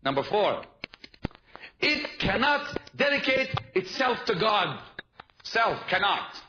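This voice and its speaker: A high-pitched man preaches with insistent repetition, pressing his listeners to answer him. The recording is muffled and dull, with a steady hiss of noise beneath his voice. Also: slow. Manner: emphatic, repeats key points, asks the congregation to respond. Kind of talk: sermon. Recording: dull, noisy live sermon recording.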